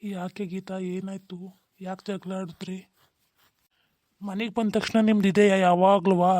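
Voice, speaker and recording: A woman's voice: medium pitch, level tone, unhurried, darkish tone, no echo, natural voice. A woman voicing a tired young husband in a cartoon drama, pleading with his quarrelling family for peace. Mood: weary pleading. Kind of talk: cartoon voice acting.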